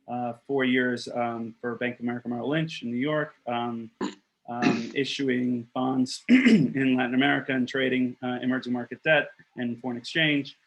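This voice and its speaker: An earnest, blunt man in his thirties makes his case over a webcam call from a small room. His voice sits mid-range with a flat, even pitch line. He restarts phrases and leans on "um" and "uh" between points. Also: vocal fry, low-quality recording. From Costa Rica. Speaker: block producer candidate. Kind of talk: election pitch on a video call. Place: small room with wooden shelves, indoors. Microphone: webcam on a video call.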